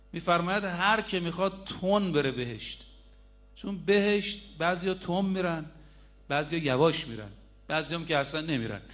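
High-voiced man preaching a sermon. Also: fairly bright tone. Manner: storytelling, addresses listeners directly.

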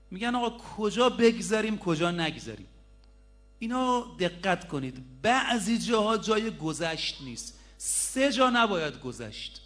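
A man's voice: high-pitched, fairly bright tone. A middle-aged man preaching a sermon, telling a story and speaking straight to his listeners. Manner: storytelling, addresses listeners directly.

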